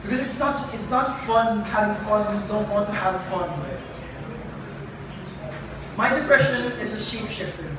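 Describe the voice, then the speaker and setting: A young adult poet with a mid-range voice performs confessional spoken word at a live event, delivering it dramatically and deliberately with emphatic repetition. The recording is noisy and echoey, picked up by a distant mic amid the venue's room ambience.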